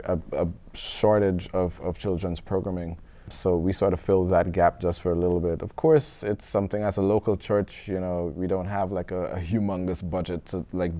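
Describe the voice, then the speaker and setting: Low-voiced young man, earnest. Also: mellow, no echo. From Guyana. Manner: earnest, reflective, casual with many "like" fillers. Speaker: film student. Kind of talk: documentary interview.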